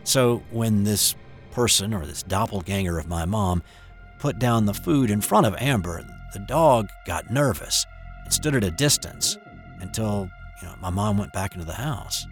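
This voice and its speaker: An older man telling his own eerie childhood story in the first person, hesitant and hushed, with small restarts. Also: on the low side, animated, moderate pace, faint music behind. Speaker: narrator of a true eerie story.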